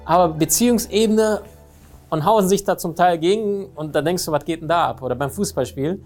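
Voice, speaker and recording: A man giving a lively motivational talk on relationships, often asking his listeners questions. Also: sits high, brisk, soft background music. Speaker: speaker on communication and relationships.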